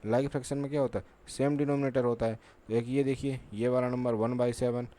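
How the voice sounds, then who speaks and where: A man's voice: medium pitch, level tone, a little fast, warm tone. A man teaching a maths lesson at a board, patient and repetitive, asking himself questions and answering them. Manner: patient, repeats "ठीक है" and asks rhetorical questions.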